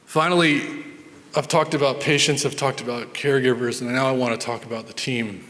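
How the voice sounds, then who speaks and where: A man's voice: medium pitch, fairly even intonation, brisk, fairly bright tone. A man, a physician, telling patient stories in an earnest conference talk, often repeating words as he thinks. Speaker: neurologist giving a conference talk. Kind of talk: storytelling conference presentation. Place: large conference hall. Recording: reverberant hall sound.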